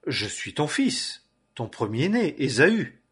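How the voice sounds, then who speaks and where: A man's voice: mid-range voice, big pitch swings, slow, fairly bright tone, breathy edge, exaggerated voice. A rugged hunter son, read by a man. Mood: pleading.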